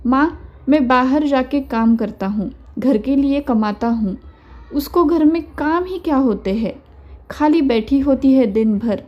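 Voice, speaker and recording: A woman's voice: high-pitched, measured pace, lo-fi sound. A woman voicing a grown son who talks in an impatient, dismissive, complaining way. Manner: curt, complaining.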